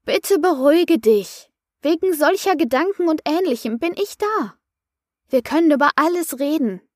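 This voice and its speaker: A woman reading an audiobook voices a calm female coach who soothes and explains. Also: high voice, moderate pace, no echo, clean studio sound, pitched above the performer's own voice. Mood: soothing.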